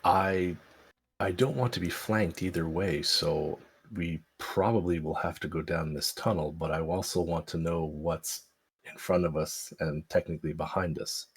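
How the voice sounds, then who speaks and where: A man with a very low, husky voice talks casually as a player in a tabletop game. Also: fairly even intonation, moderate pace. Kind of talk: casual chat.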